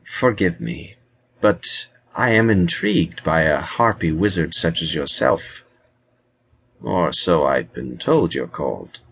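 A man doing a calm, rich-voiced wizard. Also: low voice, slow pace, gravelly, slight background noise, heavily acted. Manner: calm, courteous, flattering. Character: calm, scholarly male wizard. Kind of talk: audiobook character reading.

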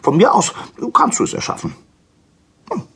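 A man voicing an eager, boastful male donkey in a children's audiobook, shrill and excited. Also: lightly acted. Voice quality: very high, shrill and squawking. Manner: excited, fast and insistent. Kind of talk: storybook character voice.

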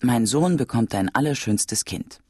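A woman's voice: a bass voice, expressive, a little slow, darkish tone, breathy edge, no room sound, clean studio sound, full character voice. A woman voicing a spirited, teasing young farm wife who is pregnant, in an audiobook. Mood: playful. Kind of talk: audiobook character voice.

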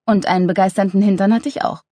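A woman narrating a humorous novel with a lively, ironic delivery. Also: quick pace, no echo, clean studio sound. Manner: lively, ironic, voices characters with raised pitch. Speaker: audiobook narrator.

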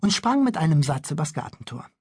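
A man reading a children's audiobook aloud in a playful, expressive way. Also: fairly high pitch, brisk, husky, dry recording, studio quality. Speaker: audiobook narrator.

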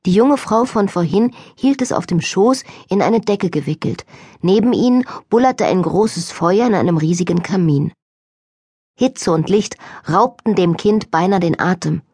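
A woman narrating an audiobook with a husky, slightly low voice. Her reading is calm and measured, recorded dry and close. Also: no room sound.

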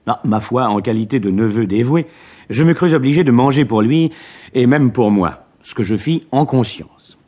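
A man narrating a classic novel in the first person, expressive and ironic. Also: medium pitch, moderate pace, breathy edge. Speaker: audiobook narrator. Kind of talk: dramatic literary narration.

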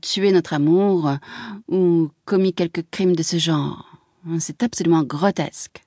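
A woman voicing a lively young wife who pleads and scolds in a quick, breathless way, in an audiobook. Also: on the low side, no room sound, clean studio sound. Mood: pleading. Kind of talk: audiobook character voice.

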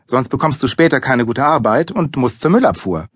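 A man's voice: medium pitch, very animated, brisk, slightly rough, dry recording, studio quality. A man voicing a strict, impatient father who scolds his son. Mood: scolding. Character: annoyed strict father, middle-aged man.

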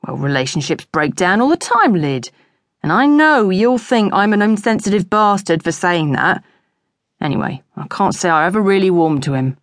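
A woman's voice: fairly low pitch, big pitch swings, normal speed, dry recording, studio quality. A woman doing a joking middle-aged husband. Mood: teasing. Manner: joking, self-deprecating banter. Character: easygoing middle-aged husband and father, teasing.

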